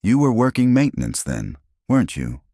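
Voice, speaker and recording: A man voicing a cautious small-town sheriff who speaks politely and in a measured way. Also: medium pitch, wildly swooping pitch, dark tone, dry recording, clean studio sound, pitched above the performer's own voice.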